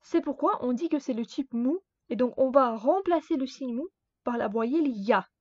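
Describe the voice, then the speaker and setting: A woman teaching a grammar lesson, speaking slowly and carefully and repeating each example word. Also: high voice, lively intonation, darkish tone, dry recording. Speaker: Russian language teacher. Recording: dull dry lo-fi sound.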